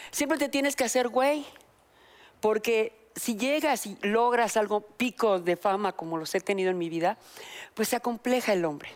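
An older woman with a Mexican accent, a talk show guest chatting casually and acting out the voices in her stories. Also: mid-range voice. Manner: animated storyteller acting out quoted dialogue.

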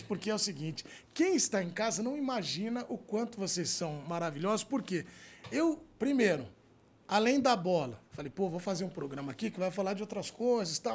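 A Brazilian man in his forties hosting a talk show with loud, showy announcing and effusive, exclamatory chat. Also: high-pitched. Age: 40s.

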